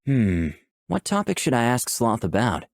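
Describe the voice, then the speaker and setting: In a clean, echo-free studio recording, a person with a creaky, darkish mid-range voice speaks at normal speed with big pitch swings. They voice a visual novel's protagonist and narration as they play, keeping it playful and flirtatious.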